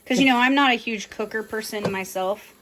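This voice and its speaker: A woman's voice: on the high side, a little fast, background noise. A woman co-hosting a home cooking video, joking, laughing and asking the cook questions. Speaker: co-host. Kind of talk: casual banter. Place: home kitchen.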